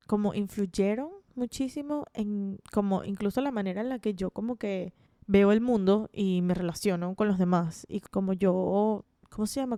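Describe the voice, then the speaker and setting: A woman's voice: mid-range voice, dark tone, no room sound, studio quality. A woman in her twenties with a Venezuelan accent, hosting a podcast in a chatty, self-deprecating monologue full of restarts. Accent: Venezuelan Spanish. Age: 20s. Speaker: podcast host. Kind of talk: casual monologue.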